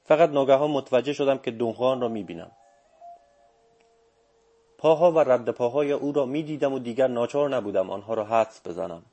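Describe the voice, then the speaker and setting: A man narrating a first-person audiobook in a measured, steady reading. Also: medium pitch, faint music behind.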